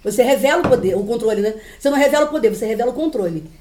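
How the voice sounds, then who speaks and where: A woman lecturer talks fast and high in a university classroom. She tells stories with lively energy and laughs often. A faint hiss sits behind her voice. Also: roomy sound. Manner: animated, storytelling, laughing often.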